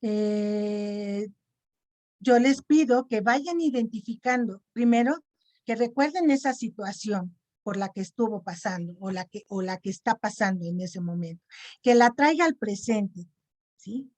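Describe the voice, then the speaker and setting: Her voice is medium-pitched, unhurried, and somewhat dark. This middle-aged lecturer from Mexico talks about self-esteem in an online session with questions and answers, explaining didactically and frequently pausing to ask "¿sí?" to make sure her audience follows.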